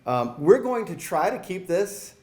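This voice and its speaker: A man's voice: high voice, big pitch swings, unhurried, a little mellow. A man with a Mississippi accent casually co-hosting a live charity event. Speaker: co-host of a charity fundraiser. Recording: roomy echo.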